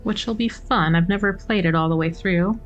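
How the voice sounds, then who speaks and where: Talking fairly quickly at a medium pitch, this female gaming streamer rambles through casual let's-play commentary and pokes fun at herself along the way. The audio sounds dull, and game music plays in the background.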